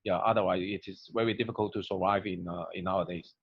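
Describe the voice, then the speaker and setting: Halting man on a dull call line. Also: low voice, steady tone, vocal fry, husky, no echo. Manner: halting, full of fillers and "okay" tags. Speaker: freight company chief executive, panel guest. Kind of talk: webinar panel answer.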